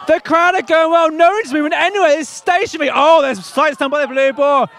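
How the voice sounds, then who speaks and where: A man giving excited, shouted play-by-play commentary on a tug of war at an outdoor village fair. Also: very high voice, fast talker. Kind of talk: live sports-style commentary.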